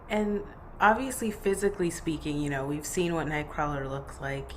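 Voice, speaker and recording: A woman's voice: sits low, normal speed, slight background noise. A woman hosting an interview, asking enthusiastic questions, chatty with many fillers. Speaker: interviewer host.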